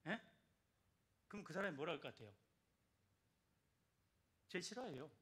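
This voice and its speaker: Older man, church testimony, high animated voice, repeats key words. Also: moderate pace, breathy edge. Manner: exhorting, repeats key phrases, asks the congregation for responses. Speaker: church elder giving testimony. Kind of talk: evangelism testimony in a church service.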